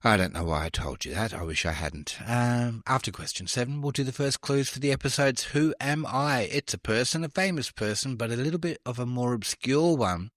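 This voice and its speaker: A man's voice: mid-range voice, fairly quick, few pauses, fairly bright tone, no echo. Man, trivia podcast host, chatty, self-deprecating, dry close sound.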